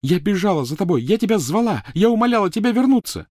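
A man's voice: big pitch swings, fast, dry recording, clean studio sound. Hermione, a man putting on a shrieking furious girl. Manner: shrill, shouting, biting sarcasm.

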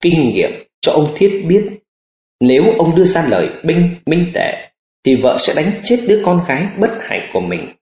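A man narrating an audiobook in an expressive storytelling manner. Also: fairly high pitch, normal speed. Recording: roomy lo-fi audiobook recording.

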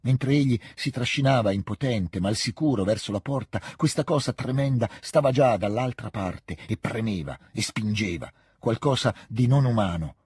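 A man narrating a classic novel as an audiobook, in a measured, calm, expressive reading. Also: lowish voice, slightly rough, no echo, studio quality. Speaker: audiobook reader.

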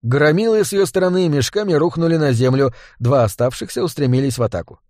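A man narrating a gritty story in a steady, even reading voice. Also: fairly high pitch, fast, no room sound, clean studio sound. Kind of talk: audiobook narration.

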